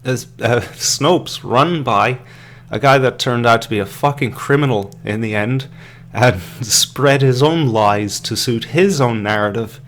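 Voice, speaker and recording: On a podcast live stream, an Irish man talks in an unhurried, medium-pitched voice that is a bit bright, with slight background noise. His loose, hesitant commentary is packed with fillers and restarts as he keeps drinking beer.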